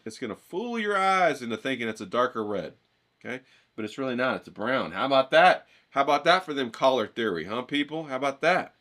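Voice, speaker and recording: A man's voice: medium pitch, a bit bright. Upbeat man teaching watercolor painting. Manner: upbeat, coaxing, keeps checking in with viewers.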